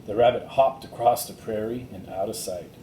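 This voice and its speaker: This is a man narrating a children's storybook from the page, taking his time and putting expression into it. Faint noise and rumble come through, along with a roomy echo.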